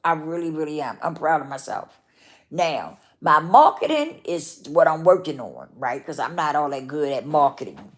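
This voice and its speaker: A woman with a lowish voice and talks straight to her listeners in an earnest motivational heart-to-heart. She repeats herself for emphasis and keeps checking in with "okay?" and "right?". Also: big pitch swings, moderate pace. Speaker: vlogger.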